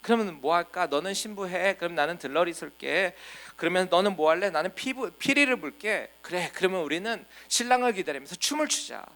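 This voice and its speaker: A man's voice: sits high, lively intonation, a little fast, few pauses, bright, forceful tone, pitched above the performer's own voice, exaggerated voice. A male pastor voicing small children chattering and planning make-believe games during a sermon. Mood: playful.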